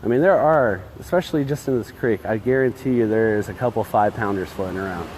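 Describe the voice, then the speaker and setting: A man's voice: lowish voice, fast talker, a little mellow. Casual man under a bridge, noisy outdoor recording. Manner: informal, rambling, opinionated with modest disclaimers. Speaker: fishing livestream host. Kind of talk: casual chat while fishing.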